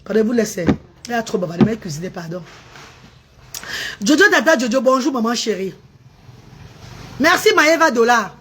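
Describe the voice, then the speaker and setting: A woman's voice: fairly high pitch, lively intonation, moderate pace, long pauses, fairly bright tone, a little hiss or hum. A woman, ranting at commenters in a live stream, mocking and insulting them between updates about her charity restaurant. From Cameroon. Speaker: livestreamer running a charity restaurant. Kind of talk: live-stream rant and chat.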